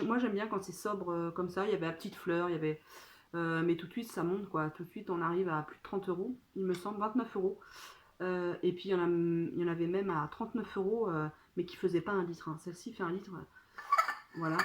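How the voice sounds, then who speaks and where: A woman's voice: on the low side, a little hiss or hum. Chatty woman unboxing at home. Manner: chatty, hesitant, many fillers. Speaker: vlogger. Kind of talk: casual unboxing chat. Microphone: phone.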